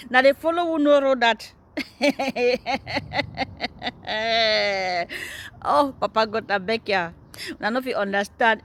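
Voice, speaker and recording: A Nigerian woman vlogger giving teasing, mocking commentary. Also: a little high. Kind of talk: casual commentary in Pidgin.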